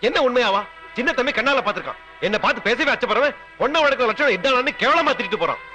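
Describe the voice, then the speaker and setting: A man's voice: extremely high pitch, lively intonation, racing, faint music behind, exaggerated voice. An angry, scolding father. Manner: scolding, shouting. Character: angry father, head of the family, middle-aged man.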